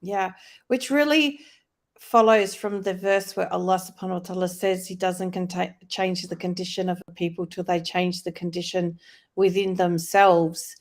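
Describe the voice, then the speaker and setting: A woman's voice: on the low side, steady tone, normal speed. A woman co-hosting a live online discussion, speaking in a reflective, explanatory, conversational way. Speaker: co-host of a live faith-based wellness discussion. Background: plane passing loudly overhead.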